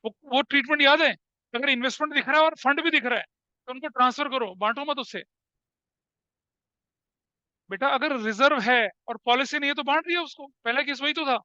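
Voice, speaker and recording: A man's voice: very high voice, brisk, pauses often, pushed and bright, no echo, lo-fi sound. A man in his forties teaching an accountancy class. He keeps questioning his students, repeats his points, and calls them "beta". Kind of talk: classroom lecture mixing Hindi and English.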